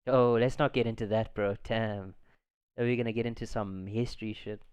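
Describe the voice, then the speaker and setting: A man's voice: lowish voice, fairly even intonation, normal speed, darkish tone, clean tone. A man hosting a stream in casual chat, often restarting his phrases. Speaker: stream host.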